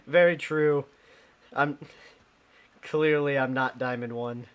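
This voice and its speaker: A man's voice: mid-range voice, steady tone, fairly bright tone, clear, resonant tone. A young man streaming a ghost-hunting game live, chatting casually with his viewers and laughing easily. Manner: chatty, talks to chat, quick laughs.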